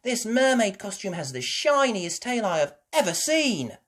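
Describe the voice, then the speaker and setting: A woman voicing Peppa, an excitable little girl pig who talks in a squealing, gushing way. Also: medium pitch, measured pace, pitched above the performer's own voice. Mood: delighted.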